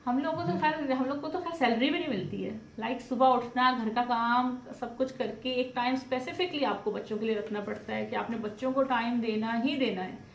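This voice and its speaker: A high-voiced woman chats casually to her vlog audience, slipping English into her talk. The recording is echoey, with faint noise behind her. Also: steady tone, brisk, hardly any pauses. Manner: chatty, mixes Urdu and English. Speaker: mother and vlogger.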